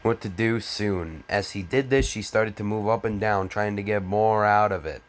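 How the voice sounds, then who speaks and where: Speaking at normal speed in a lowish voice, this comedic fan fiction reader gives an over-the-top mocking reading, repeatedly interrupting himself with sarcastic, crude and exasperated remarks.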